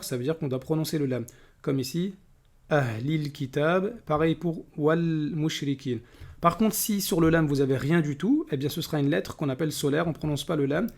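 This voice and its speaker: A man with a fairly high voice teaches recitation in a patient, step-by-step way. He stretches out the recited words slowly and carefully, then returns to plain explanation. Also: darkish tone. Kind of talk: tajwid lesson, explaining and reciting.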